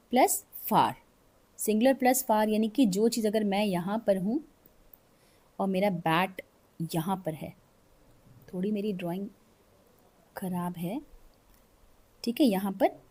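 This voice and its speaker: A woman's voice: mid-range voice, darkish tone, breathy edge. A woman teaching English grammar in Hindi mixed with English, explaining step by step and reading out example sentences word by word. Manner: slow, explains step by step, often checks with "ठीक है". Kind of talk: Hindi-English grammar lesson with board drawings.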